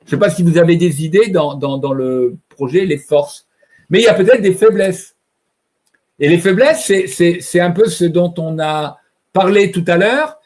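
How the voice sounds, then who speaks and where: A man's voice: high voice, moderate pace, a little mellow. A man presenting an online training webinar, talking over a computer mic and explaining by asking himself questions. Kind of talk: live online training talk.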